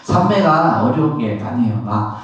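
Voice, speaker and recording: A Korean Buddhist monk giving a lively dharma talk to an audience. He acts out everyday complaints and asks the listeners questions. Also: mid-range voice, normal speed, dull audio. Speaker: Buddhist monk, temple abbot. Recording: very echoey, from far off.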